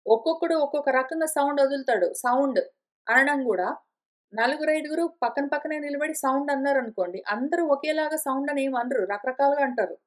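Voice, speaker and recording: A woman giving a conversational scripture lesson, repeating and rephrasing her points and slowing down to recite verses. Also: high-pitched. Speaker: teacher of scripture. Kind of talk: explanatory spoken lesson.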